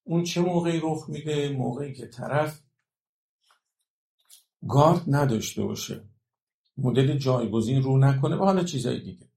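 Gravelly-voiced man giving a religious talk. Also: mid-range voice, long pauses, mellow, echoey room. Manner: explanatory, asks listeners rhetorical check-questions. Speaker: religious lecturer.

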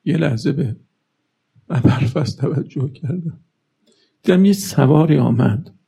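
A man preaching a religious sermon, pressing his listeners with fervent, rapid-fire rhetorical questions. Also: a little high, gravelly, dark tone, slightly rough.

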